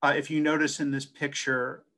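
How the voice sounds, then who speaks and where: Giving a personal presentation over a video call, a middle-aged man from the American West talks into his webcam as a translator and scholar. The voice is fairly high and sharp, with little pitch movement and a moderate pace. His earnest, storytelling delivery is full of "uh" fillers and restarts.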